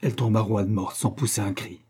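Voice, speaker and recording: Guy reading an old novel aloud, dark mellow voice, bit husky, steady dramatic pace. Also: fairly low pitch. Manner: measured, dramatic storytelling. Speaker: audiobook reader. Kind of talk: literary narration.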